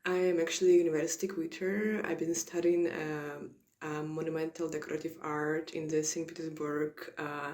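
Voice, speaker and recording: A woman's voice: low voice, little pitch movement, moderate pace, darkish tone. A woman from Ukraine, an illustrator and painter, gives a hesitant personal artist statement full of filler sounds. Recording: roomy echo.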